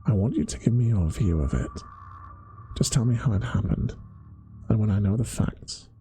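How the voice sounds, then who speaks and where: A man playing a polite journalist in a bedtime-story ASMR reading. He asks his questions in a measured, calm way. The voice is deep with a gravelly edge. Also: soft background music.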